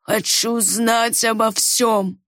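A woman reading an audiobook, voicing an older father with slow, drawn-out, pleading speech. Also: fairly high pitch, fairly even intonation, fairly bright tone, breathy edge, no room sound, studio quality, heavily acted. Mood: tender.

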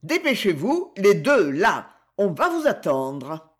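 A young soldier barking brisk orders, as a woman reader voices him. His voice sits a little higher than the narration and moves with energy. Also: huge pitch swings, husky, exaggerated voice.

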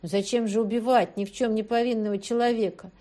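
A woman's voice: on the high side, fast talker. Woman narrating a tense audiobook. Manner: tense, expressive first-person telling.

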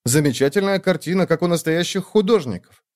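A man's voice: a little high, animated, brisk, darkish tone, pitched above the performer's own voice, natural voice. A man voicing a chatty, fussing little sister. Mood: chatty, coaxing. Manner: talkative, eager and fussing. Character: chatty caring young woman, little sister.

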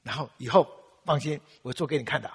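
Older man, husky voice, mid pitch, animated sermon testimony, self-mocking, long hall reverb. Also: quick pace. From Taiwan. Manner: animated storytelling, self-mocking humor, acts out his own prayers. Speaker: preacher.

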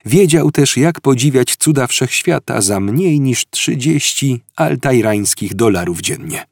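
A male audiobook narrator tells the story in a lively, expressive way with a dry ironic edge. His pitch is mid-range but moves a lot, and the sound is close and dry with no room. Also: measured pace, gravelly, no room sound. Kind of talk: scripted narration.

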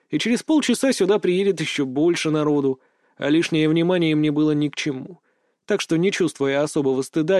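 Male audiobook reader, fairly high voice, dry close sound, brisk gruff edge. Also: darkish tone, no room sound. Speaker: audiobook narrator. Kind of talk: first-person fantasy audiobook narration.

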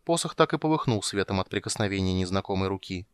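A man narrating a fantasy audiobook with steady storytelling on a close studio mic. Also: sits low, fast talker, smooth, no room sound.

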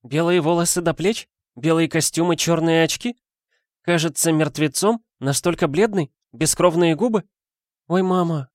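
A man voicing a kind, warm-hearted young female student who talks eagerly and turns pleading and shaky in an audiobook. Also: on the high side, normal speed, dry recording, studio quality, voice pushed up, lightly acted. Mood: frightened.

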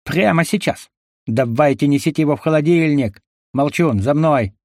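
A man's voice: a little high, normal speed, a little mellow, no echo, voice pushed up, lightly acted. A man voicing a threatening bald gang boss who gives orders at gunpoint, in a dry recording. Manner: threatening, commanding.

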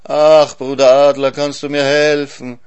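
A man's voice: mid-range voice, expressive, moderate pace, muffled recording, voice pushed up, lightly acted. A man reading a storybook, voicing a greedy, gluttonous hyena that whines and moans. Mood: moaning. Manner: whiny, grasping, moaning.

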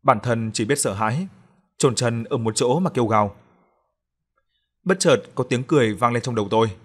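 A man reading a first-person horror story aloud as an audiobook narrator, in a calm, steady way. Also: mid-range voice, moderate pace, slightly rough.

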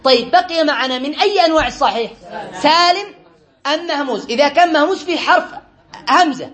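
A man's voice: very high-pitched, animated, fast, a bit bright. A man teaching a class, going over quiz answers patiently and asking often whether everyone follows, with a light touch. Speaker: teacher of Arabic grammar. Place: classroom with a board.

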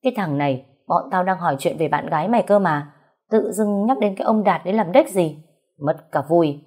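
A woman's voice: fairly low pitch, brisk, a little mellow, slightly rough. A woman voicing a coarse, teasing young man talking to his friend. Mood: rough. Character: blunt joking young man, rough friend.

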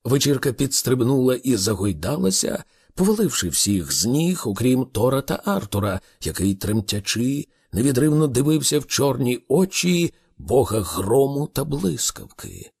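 A male narrator tells the story slowly and expressively. His voice is gravelly and husky, with a lively rise and fall. The delivery is unhurried, like a patient storyteller. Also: medium pitch. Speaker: audiobook narrator. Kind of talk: audiobook narration.

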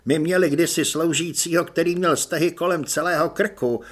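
A man's voice: fairly high pitch, fairly even intonation, lightly acted. A man voicing a pompous young male vampire recruit in an audiobook, speaking with smug superiority.

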